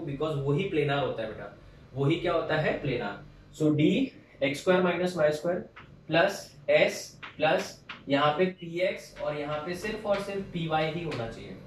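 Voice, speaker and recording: A man's voice: a little high, distant mic, slight background noise. Man lecturing in an echoey classroom. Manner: explains step by step, quizzes the students and answers for them. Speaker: chemistry teacher.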